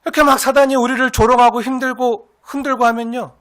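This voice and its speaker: A pastor preaching a sermon in an earnest, repetitive way, sometimes acting out the taunts of scoffers. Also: male voice, very high voice, fairly even intonation, fast, fairly bright tone.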